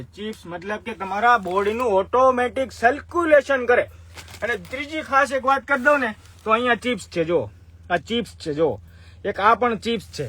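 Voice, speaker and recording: A man running a chatty, persuasive live-stream sales pitch from a clothing shop, repeating his points as he shows products. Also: pushed and bright, no echo.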